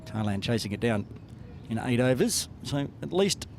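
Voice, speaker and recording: Measured male cricket analyst. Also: mid-range voice, very animated, gravelly, darkish tone, slight background noise. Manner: measured, citing past statistics. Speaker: cricket co-commentator. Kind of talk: live sports analysis.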